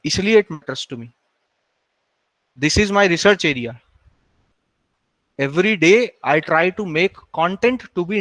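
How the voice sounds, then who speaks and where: A man's voice: a little high, a bit bright, no echo, poor audio. A male university lecturer in a classroom, scolding and lecturing his students in a mix of Hindi and English.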